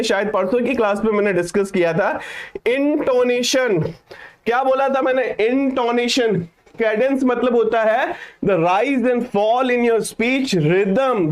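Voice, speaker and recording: Man, high-pitched voice, English teacher, slow read-aloud sentences then quick explanations, online exam-prep lesson. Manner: reads English sentences slowly, then explains in Hindi, addressing students.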